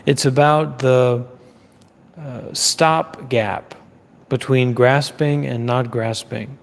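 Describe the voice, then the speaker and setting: A man giving a live Dhamma talk as a Buddhist teacher. He speaks in a measured way, repeating phrases in lists with pauses. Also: mid-range voice, fairly even intonation, vocal fry, big-room sound.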